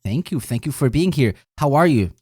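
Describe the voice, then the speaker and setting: A man's voice: medium pitch, animated, brisk, a little mellow, husky, no room sound, studio quality. A man hosting a podcast, reading a scripted intro and then chatting with a guest in an upbeat way. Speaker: podcast host. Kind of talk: scripted intro then casual interview chat.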